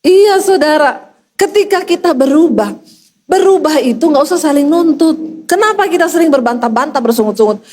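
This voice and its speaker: A middle-aged woman pastor preaching a sermon with humorous, animated storytelling. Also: sits high, normal speed.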